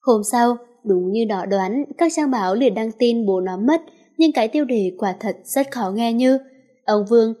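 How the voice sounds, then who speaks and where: Woman reading a novel aloud, fairly high. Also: normal speed, warm tone. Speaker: storyteller.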